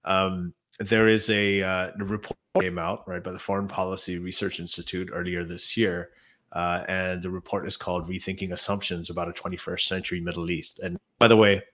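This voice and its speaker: A man hosting a casual live discussion, explaining in a halting, conversational way while slightly under the weather. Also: low-pitched, flat delivery, fairly bright tone. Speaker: podcast host.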